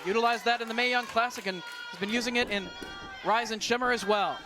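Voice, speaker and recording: Excited high-pitched male wrestling play-by-play man. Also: fast talker. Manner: excited, clipped play-by-play, often shouting. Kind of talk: live sports commentary. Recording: loud crowd and noise behind. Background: wrestling crowd.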